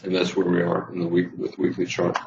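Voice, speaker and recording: Trading teacher, male, hoarse and gravelly, deep flat delivery, roomy slightly dull recording. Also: fairly quick, slight background noise. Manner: rambling, many fillers and restarts. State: losing his voice. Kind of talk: casual trading lesson.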